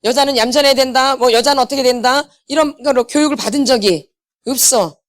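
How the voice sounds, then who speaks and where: At a church healing seminar held in a meeting hall, a middle-aged woman from an inner healing ministry lectures emphatically, a little fast, in a high-pitched voice. She questions her audience and lapses into blunt, casual speech.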